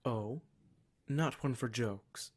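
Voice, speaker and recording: Speaking slowly in a mid-range, somewhat mellow voice, a man plays a smug and cruel demon holding adventurers captive in a scripted ASMR roleplay. He taunts them in a formal manner that is menacing beneath its mock politeness.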